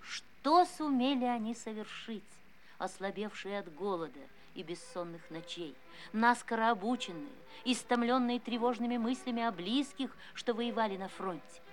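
A woman narrating a scripted documentary gravely and expressively, letting phrases sink softly at the end. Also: a little high, lively intonation, moderate pace, low-quality recording.

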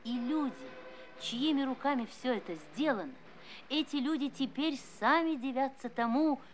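A woman narrating a scripted documentary gravely and expressively, letting phrases sink softly at the end. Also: high voice, expressive, normal speed, soft background music.

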